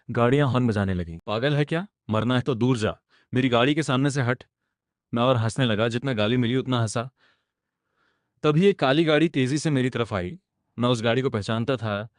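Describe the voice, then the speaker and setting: A man narrating a story recap in the first person, in a steady, even manner on a close voice-over mic. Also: medium pitch, dry recording.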